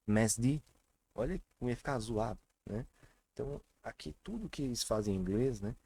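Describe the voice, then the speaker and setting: A man's voice: medium pitch, dark tone. A man from Brazil teaching English pronunciation in a casual online lesson, chatty, often repeating sounds with emphasis.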